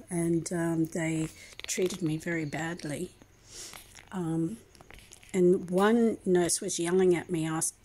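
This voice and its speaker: Older woman, casual home vlogger, low-ish voice, meandering aggrieved storytelling, faint room hum. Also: rough recording. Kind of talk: casual rambling monologue. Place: home kitchen.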